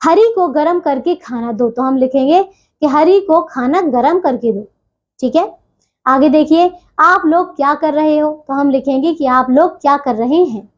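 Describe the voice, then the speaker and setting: A woman with a high voice teaches a grammar lesson to young children. She works through the words slowly and carefully, one at a time. She keeps checking that the class is still following. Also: dull audio. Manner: slow, careful word-by-word dictation.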